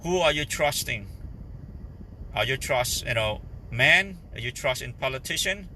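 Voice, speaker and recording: A man with a Cambodian Khmer accent, a native Khmer speaker, giving informal Bible teaching in halting English as he searches for words. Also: mid-range voice, expressive, pushed and bright, a little hiss or hum. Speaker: lay preacher.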